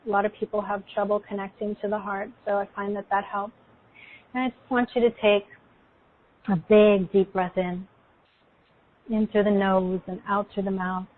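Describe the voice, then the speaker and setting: A woman speaking in a soothing, unhurried way with pauses between phrases, as if leading a guided meditation. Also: medium pitch, little pitch movement. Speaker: guest energy healer leading a guided meditation. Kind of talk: guided meditation and spiritual talk. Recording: tinny, phone-like call audio.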